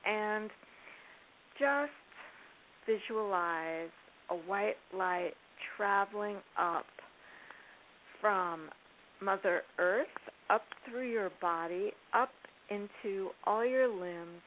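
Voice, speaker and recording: Woman doing a calm grounding exercise, really slow with pauses, hissy phone sound. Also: medium pitch. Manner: slow, halting, measured instruction with pauses. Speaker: guest therapist. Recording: hissy, narrowband phone-like line.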